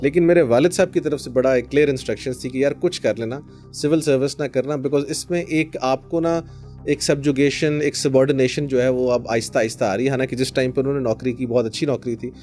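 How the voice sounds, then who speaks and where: A man's voice: mid-range voice, fairly even intonation, fast, a little mellow, soft background music. A man in his forties with a Pakistani Urdu accent, a lawyer answering interview questions in an earnest, storytelling way, mixing in English phrases. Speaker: lawyer, podcast guest.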